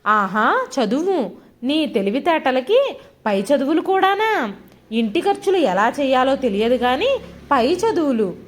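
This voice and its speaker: A woman's voice: high-pitched, sing-song, measured pace, full character voice. A woman voicing a middle-aged husband who scolds and mocks his wife with contempt, in a storybook reading. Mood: mocking. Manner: mocking, contemptuous. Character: scornful shouting male husband, middle-aged.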